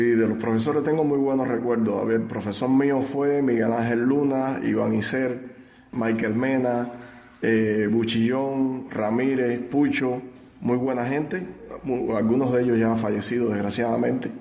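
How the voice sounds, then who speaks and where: A middle-aged man with a Cuban accent answers interview questions, pausing and restarting as he thinks. His mid-pitched voice rings out in a room with long, hollow reverb. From Cuba. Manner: relaxed, hesitant, with restarts and fillers. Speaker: visual artist and art teacher.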